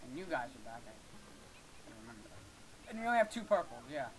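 A young man giving casual let's-play commentary, excitable and swearing, yelling at his game. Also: medium pitch, brisk, background noise. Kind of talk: gaming commentary.

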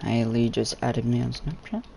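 A man's voice: medium pitch, normal speed, vocal fry, warm tone, a little hiss or hum. A young man chatting casually on a gaming live stream in a slangy, laid-back, matey, sweary way.

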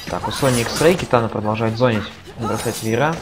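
An esports commentator with a lowish voice speaks briskly, giving casual live commentary on a fighting game. His style is conversational and analytical, with game music in the background.

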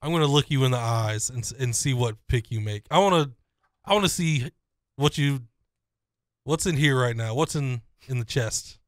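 A man's voice: mid-range voice, moderate pace, no room sound. A man co-hosting a casual sports podcast in a small studio, ribbing his partner playfully and dramatically. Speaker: co-host. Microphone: studio mic on boom arm, headphones.

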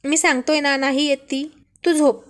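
A woman voicing a playful young husband who calmly teases his wife in a light, joking tone. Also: high voice, normal speed, natural voice. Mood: soothing. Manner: light teasing tone.

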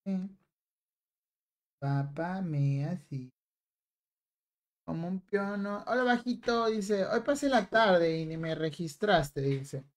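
A man's voice: high-pitched, lively intonation, slow, long pauses. A young man streams a game, reading chat aloud and teasing viewers. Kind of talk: live stream chat while gaming.

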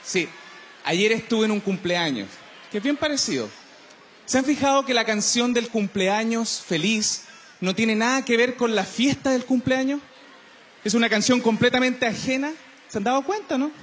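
A man's voice: very high-pitched, fairly bright tone, slight background noise. A man with a Chilean accent doing live stand-up comedy on an outdoor festival stage. He uses a lot of slang and mocking asides, and keeps breaking into mimicry and scat singing.

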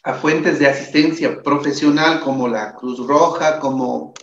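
Speaking at a measured pace in a mid-range, fairly bright voice with fairly even intonation, a tired man delivers an earnest psychology lecture over slides. He tends to repeat points and asks listeners "¿de acuerdo?" The echoey room gives the recording a dull, lo-fi quality.

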